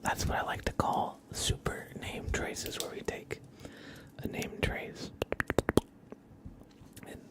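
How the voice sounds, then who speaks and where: A man hosts a casual ASMR livestream, chatting in a soft, breathy, hushed whisper and rambling along at an unhurried pace.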